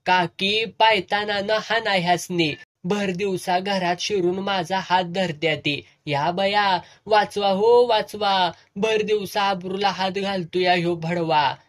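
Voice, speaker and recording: A storyteller voicing a young village woman with a rural Marathi accent, loud and accusing as she calls for help. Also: mid-range voice, steady tone, slow pace, natural voice. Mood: screaming, accusing.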